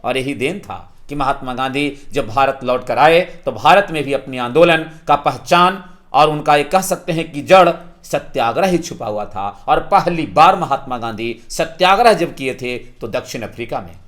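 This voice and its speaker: A man's voice: medium pitch, normal speed. A man with a Bihari accent teaching a history lesson for exam students, posing questions and answering them himself. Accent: Bihari Hindi. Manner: lively, asks and answers his own questions.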